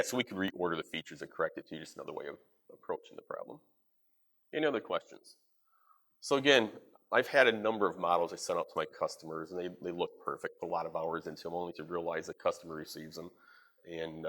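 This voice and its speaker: A man giving practical advice in a live software demo at a conference session. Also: sits low. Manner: practical, advisory. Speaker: presenter.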